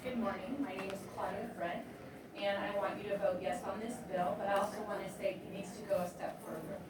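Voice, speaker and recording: A woman's voice: medium pitch, steady tone, fairly quick, noisy background. A woman from Romania giving emphatic, at times sarcastic public testimony at a hearing. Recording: echoey hearing room from far off.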